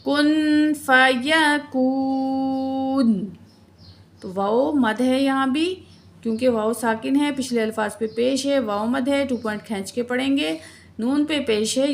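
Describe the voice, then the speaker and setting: High-voiced woman teaching Quran recitation. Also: creaky. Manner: spells letters and vowels slowly, then chants the verse drawn out. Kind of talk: word-by-word recitation lesson.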